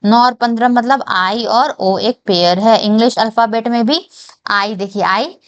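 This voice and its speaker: A woman's voice: a little high, a little slow, clear, resonant tone, muffled recording. A young adult woman teaching an exam-prep reasoning lesson. She counts aloud step by step and checks whether her students understand.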